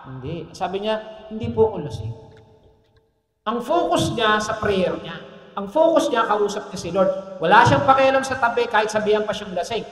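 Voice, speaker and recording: A male pastor delivers a sermon in a conversational tone and keeps checking in with the congregation. His voice sits notably high for a man. The sound rings around a roomy church hall with a long tail of reverb. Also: animated, normal speed, a bit bright, faint music behind. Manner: conversational, often asks the congregation "Amen?".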